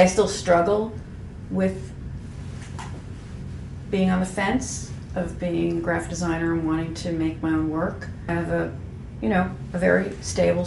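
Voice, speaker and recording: A graphic designer in her fifties gives a candid, reflective interview, speaking frankly and poking fun at herself, with many fillers and restarts. Her voice is lowish and creaky. The room is echoey, with a faint hum in the background.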